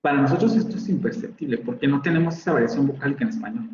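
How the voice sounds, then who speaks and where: Here a Mexican Spanish-accented man delivers a phonetics lecture at a university, going over points and repeating sample words as pronunciation models. His medium-pitched voice is expressive and darkish, and he talks rapid-fire. Faint ambience sits under roomy, slightly dull audio.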